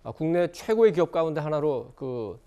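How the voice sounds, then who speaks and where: A male newspaper editorial writer on a TV news panel, laying out points in a measured way with hesitant pauses. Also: fairly high pitch, sing-song, dark tone. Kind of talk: TV panel commentary.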